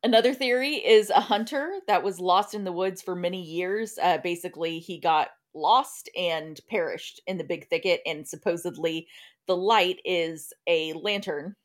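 A woman's voice: fairly low pitch, moderate pace. A woman co-hosting a casual podcast, chatting through local ghost legends and laughing easily. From Southeast Texas. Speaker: podcast co-host presenting the topic.

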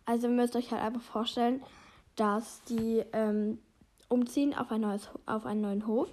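A woman's voice: on the high side, fairly even intonation, moderate pace, warm tone. A woman vlogger chatting casually about a children's book and reading from it, hesitant and stumbling, poking fun at her own reading.

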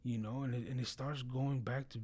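A man's voice: medium pitch, steady tone, a little fast, a little mellow, husky. A man talking casually and earnestly about religion in a blunt way, often peppering his speech with slang and filler phrases. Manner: blunt, earnest, frequent "bro" and "you know".

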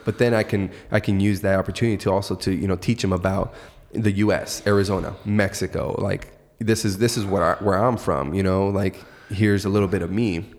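A low-pitched man hosts a relaxed conversation and tells anecdotes, often restarting his sentences. His voice carries a long reverb from the room. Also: brisk. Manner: relaxed, storytelling, many restarts. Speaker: podcast host. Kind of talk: casual chat.

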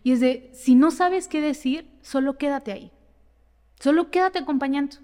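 A woman psychotherapist, explaining in a lively way and acting out examples in casual conversation. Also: high voice, normal speed, long reverb tail. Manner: animated, explains with acted-out examples. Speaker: psychotherapist guest. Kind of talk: conversational advice in a podcast.

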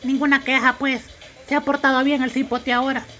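A woman's voice: sits high, little pitch movement, a little fast, a bit bright, soft background music. A woman voicing a cheeky young grandson with a Salvadoran accent, talking back to his grandfather.

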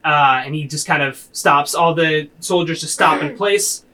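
A man's voice: fairly high pitch, unhurried, bright, forceful tone. A man narrating a tabletop role-playing game as game master, casual and improvised.

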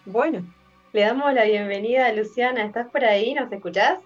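A woman's voice: fairly high pitch, brisk, lo-fi sound, faint music behind. Chatty woman co-host. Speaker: podcast co-host. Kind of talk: casual interview.

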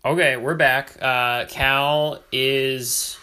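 A man's voice: mid-range voice, steady tone, extremely slow. A man hosting a homemade show, chatting casually and playfully with a small child during bath time and announcing breaks like a show host. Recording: noisy home bathroom recording with water sounds.

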